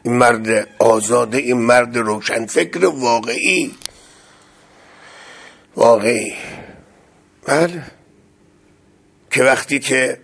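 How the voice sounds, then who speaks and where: A man's voice: mid-range voice, vocal fry, fairly bright tone. A man preaching an impassioned religious sermon, building to emphatic outbursts.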